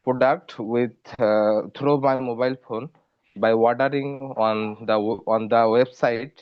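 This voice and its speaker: Man student, Bangladeshi accent, halting, very slow, dull lo-fi line. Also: medium pitch, fairly even intonation, clear, resonant tone. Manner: halting answer with fillers.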